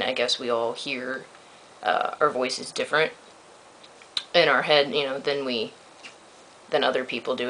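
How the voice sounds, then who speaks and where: A man with a reedy, slightly squeaky voice talking in a dry, self-deprecating, blunt way in a casual video diary. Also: gravelly, pushed and bright, a little hiss or hum, low-quality recording. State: sore throat. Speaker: video blogger giving a personal update. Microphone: built-in microphone of an old point-and-shoot camera.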